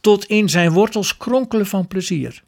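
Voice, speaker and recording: A man's voice: high voice, moderate pace, creaky, pitched above the performer's own voice. A man voicing bubbly, dancing Joy. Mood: gleeful. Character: cheerful dancing Joy personified.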